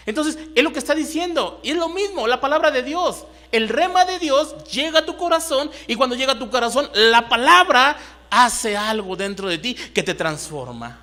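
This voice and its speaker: High, bright-voiced Mexican preacher. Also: male voice. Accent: Mexican Spanish. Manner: preaching with rising emphatic bursts and questions to the congregation. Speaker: pastor. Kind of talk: sermon. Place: church hall.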